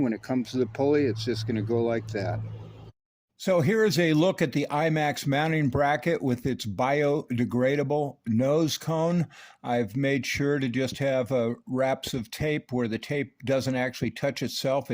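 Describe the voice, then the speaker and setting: With no echo, a medium-pitched, darkish voice belongs to the host of a radio hobby channel. He narrates a hands-on how-to demonstration in his hobby video, walking through the job step by step in a folksy style.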